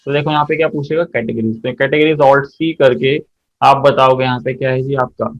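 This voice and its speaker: Hindi-speaking man teaching software steps. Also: mid-range voice, fairly even intonation, a little fast, highs cut off. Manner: explains step by step, often checks students' answers. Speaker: accounting teacher. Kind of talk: software tutorial lesson.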